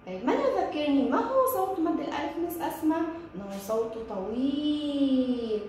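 A woman's voice: high voice, huge pitch swings, a little mellow, recorded from a distance, a little hiss or hum. Sing-song woman teaching small children. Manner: slow, sing-song teacher talk with lots of praise, mixing in English words. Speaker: kindergarten Arabic teacher. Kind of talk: distance-learning lesson for young children. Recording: very echoey room with faint ambience.

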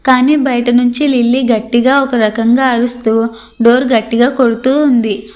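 A woman narrates a horror story in a steady, dramatic manner. Her voice sits slightly high for a woman. She keeps an even storyteller's pace through the tension. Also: moderate pace.

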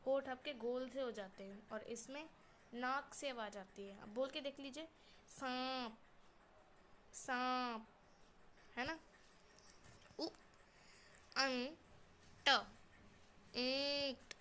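A ninth-grade schoolgirl hosting a beginner's language lesson, sounding out each letter and syllable slowly for learners. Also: sits high, sharp tone, slight background noise. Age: teenager, ninth-grade student. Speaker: channel host teaching Hindi letters. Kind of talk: spelling out words syllable by syllable for learners.

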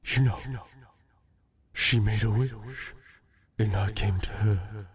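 A man voicing a mysterious male spirit who answers wishes, talking in a slow, secretive whisper. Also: on the low side, fairly even intonation. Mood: sly. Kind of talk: audio drama acting. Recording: music bed underneath.

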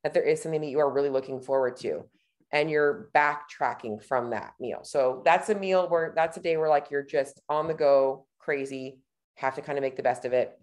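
Speaking at a moderate pace, this woman has a deep, slightly mellow voice. The thirty-something nutrition coach thinks aloud in a relaxed way as she works through a screen-share tutorial over a webcam, clicking as she goes.

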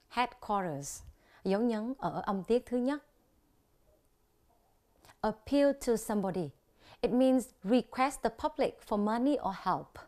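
A woman from Vietnam teaching an English lesson on television, speaking with a Vietnamese accent and slowly drilling the pronunciation of English words. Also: on the high side, darkish tone.

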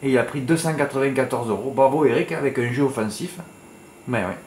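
A man's voice: medium pitch, fairly quick, a little mellow, roomy sound, slight background noise. A man giving horse racing tips to his viewers in a casual monologue, chatty and peppered with little tag words, flaring into exasperated rants. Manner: chatty, peppered with "hein", flares into exasperated ranting.

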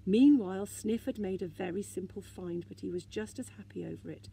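A woman reading a children's story aloud in a gentle, expressive way. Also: medium pitch, fairly quick, vocal fry, breathy edge.

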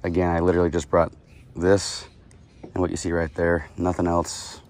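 A man filming himself from a kayak on a lake with a head-mounted action camera, chatting casually while he fishes and getting excited when a fish bites. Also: sits low, normal speed, slight background noise. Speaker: fishing vlogger.

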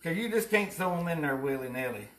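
A man's voice: sits high, quick pace, a crowd in the background. An older man with a Southern US accent, chatting casually and telling folksy, rambling stories while cooking in a home kitchen, picked up by a camera a few feet away. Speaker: cooking show co-host.

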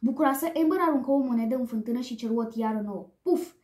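A woman reads a children's storybook aloud in a lively, expressive way. Her voice sits high for a woman, and the recording has a roomy echo. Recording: echoey room.

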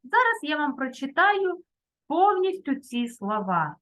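Lively sing-song woman teacher. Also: high voice, measured pace. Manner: sing-song, exaggerated emphasis on sounds; gentle, encouraging teacher talk. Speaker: primary school teacher. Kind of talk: storytelling lesson for young children.

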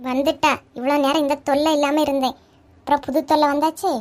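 A woman's voice: high voice, little pitch movement, fast, pitched below the performer's own voice, lightly acted. A woman voicing a grumpy college girl with a Kanyakumari Tamil accent, sniping at her sister in a cartoon comedy. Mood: grumbling. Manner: sulky, snappish, sarcastic.

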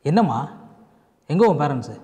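A man's voice: on the high side, big pitch swings, moderate pace, mellow. A man playing an impatient schoolteacher who scolds students and lectures a parent in a comedy sketch. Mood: stern. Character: stern scolding male schoolteacher. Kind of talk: Tamil comedy sketch acting.

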